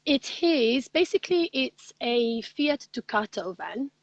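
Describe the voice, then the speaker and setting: A woman guest talking over a video call from inside her camper van, lively and chatty. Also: sits high, slow pace, dry recording, muffled recording. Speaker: interview guest, freedom coach. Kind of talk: casual chat.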